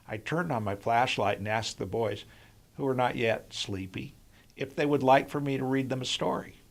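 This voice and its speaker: A middle-aged man narrating a scripted, humorous personal story in a deliberate, deadpan way. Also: fairly low pitch.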